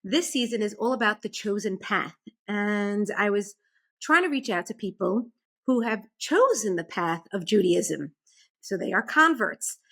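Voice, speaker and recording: A woman hosting a podcast, chatting casually and warmly with a friend she is interviewing, bubbly and animated. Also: mid-range voice, unhurried. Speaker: podcast host.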